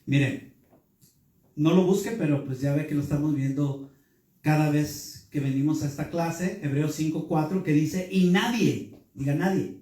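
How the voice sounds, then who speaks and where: A man's voice: on the high side, unhurried, warm tone. A male pastor gives a Bible class sermon and keeps asking the room questions. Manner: teaching, asks the room questions. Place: church hall. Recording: echoey hall, speaker far from mic.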